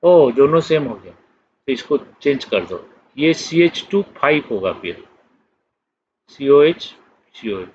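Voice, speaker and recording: Man teaching chemistry, talks real slow and walks through each step, faint hiss behind, muffled lo-fi sound. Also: medium pitch, very animated. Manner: slow, explains step by step, checks understanding. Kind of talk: classroom lecture. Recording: dull lo-fi recording with faint noise.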